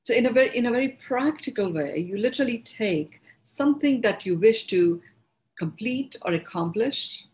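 A woman with an Indian accent hosting a podcast, talking through ideas in an unhurried, reflective way and often restarting words as she finds her phrasing. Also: a little high, lively intonation, darkish tone, low-quality recording. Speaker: podcast host and speaker on personal growth. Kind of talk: reflective spoken teaching.

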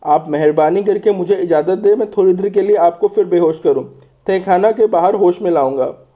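A man's voice: high voice, brisk, mellow, lightly acted. A man voicing a courteous, shrewd spy in a storybook, polite and persuasive. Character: courteous, shrewd male spy, deferential strategist.

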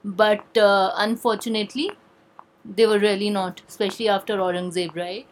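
A woman's voice: mid-range voice, little pitch movement, normal speed, a little hiss or hum, rough recording. A mother, explaining things hesitantly with many fillers. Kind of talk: casual family talk.

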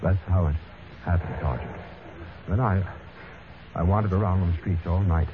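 A man acting a weary, dazed confessor in an old radio drama, with a halting delivery. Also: sits low, crowd noise, close to an everyday voice. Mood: weary relief. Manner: halting, stammering. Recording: thin, tinny old radio recording with music.

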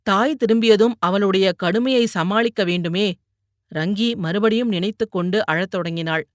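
A woman's voice: mid-range voice, no echo. Woman narrating a novel, dry close sound. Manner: measured storytelling, lifts voice sharply for shouting characters. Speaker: audiobook narrator. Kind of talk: novel read aloud with character voices.

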